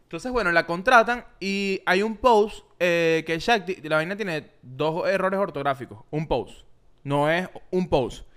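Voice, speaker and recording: A man with a Venezuelan Spanish accent co-hosting a podcast, telling stories in relaxed, slangy casual chat. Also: high voice, a little slow, smooth. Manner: relaxed storytelling with slang and filler words. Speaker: podcast co-host.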